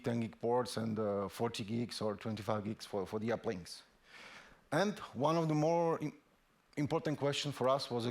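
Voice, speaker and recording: A Slovak-born man presents a technical talk in English from a conference stage, his voice pitched in the middle of the male range. Hesitant throughout, he keeps restarting, repeating himself and plugging gaps with fillers.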